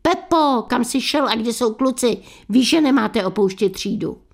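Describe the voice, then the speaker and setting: A skittish little schoolboy, as a woman radio reader puts him on, his fretful questions lifted high above her usual voice. He sounds uneasy and quick to panic, a storybook child in a radio tale. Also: expressive, gravelly. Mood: worried. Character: timid anxious schoolboy easily frightened.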